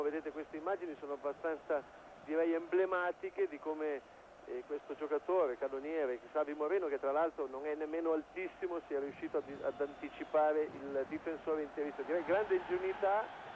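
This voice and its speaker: A man's voice: a little high, normal speed. A man analysing play as a football co-commentator, hesitating and repeating phrases. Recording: dull lo-fi broadcast, faint stadium noise. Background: stadium crowd noise.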